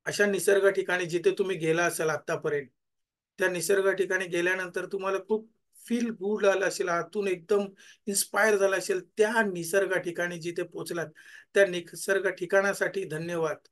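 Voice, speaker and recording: A man guides listeners through a gratitude meditation as a life coach. He repeats each thank-you several times, and every repetition drops quieter until it trails away. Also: high voice, fairly even intonation, normal speed.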